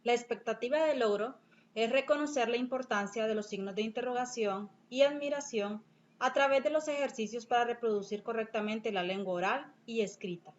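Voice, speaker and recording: Woman, teacher, high voice, steady explanatory reading, dull lo-fi recording. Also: fairly quick, a little hiss or hum. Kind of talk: read-aloud lesson.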